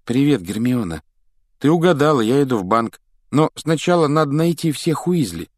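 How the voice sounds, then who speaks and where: A man's voice: mid-range voice, sing-song, moderate pace, no echo, studio quality, pitched above the performer's own voice. A male narrator voicing a polite, earnest young schoolboy wizard who gives plain, earnest replies. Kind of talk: audiobook character voice.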